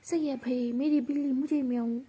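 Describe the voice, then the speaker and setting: A woman's voice: high voice, steady tone, moderate pace, dark tone, slightly rough. A woman voicing a playful, affectionate young woman who teases her partner in a coaxing, often half-whispered way. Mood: teasing.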